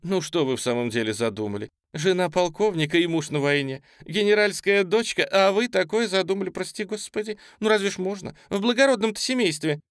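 Guy narrating as a sassy young maid, high and scolding, folksy. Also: expressive, fairly quick, few pauses, dry recording, studio quality. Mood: chiding. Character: lively young maid, chiding and half-amused.

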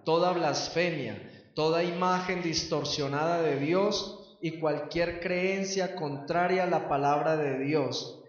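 A man leading a congregation in a recited prayer with a measured, steady delivery. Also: on the high side, very echoey, far from the mic, muffled recording. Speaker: prayer leader.

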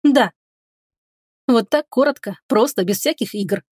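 A woman reading a fantasy novel aloud as audiobook narrator, in a measured, expressive manner. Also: mid-range voice, dry recording, clean studio sound.

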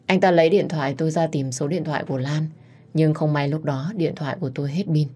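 A woman narrating a dramatic romance story in the first person, steady and expressive. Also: low-pitched, fast talker, husky.

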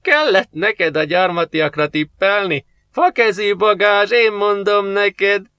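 A stubbly mechanic with a mocking, drawn-out delivery, voiced higher than the reader's own tone, as a male narrator puts him on. It is read in an audiobook, and the dry, close sound carries every word. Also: bright, forceful tone, clear, resonant tone, no room sound.

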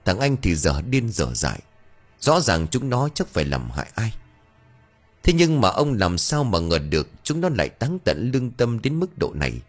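A man narrating a scripted ghost story in a dramatic, expressive storytelling manner. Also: sits low.

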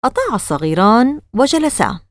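A woman narrating a children's novel aloud with expressive storytelling. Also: a little high, a little fast, no room sound, studio quality. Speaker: audiobook narrator.

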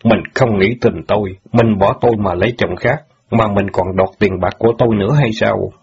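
A man's voice: on the low side, fairly even intonation, creaky, a little mellow, a little hiss or hum. A man voicing a bitter, grieving middle-aged ex-bandit who pleads and rages at the wife who left him, in an audio story. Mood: pleading. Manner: reproachful, pleading, quick to anger. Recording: dull lo-fi audio.

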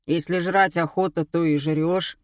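A woman's voice: on the low side, steady tone, measured pace, no echo, clean studio sound, natural voice. A woman voicing a dim-witted male radio caller who talks bluntly in slang, in an audiobook. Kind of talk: audiobook character voice.

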